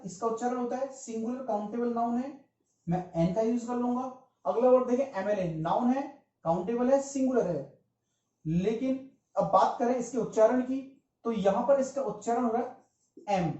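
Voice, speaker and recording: A man's voice: very high voice, warm tone. A middle-aged man teaching a grammar lesson step by step, often addressing his viewers as friends. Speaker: English teacher. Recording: dull, roomy sound from a distant mic.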